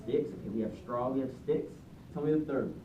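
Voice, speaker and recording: Reading to children indoors, a teacher keeps pausing the story to ask the group questions. Picked up from afar in a spacious room, the fast, mid-range voice comes through with its highs cut off and a noisy background.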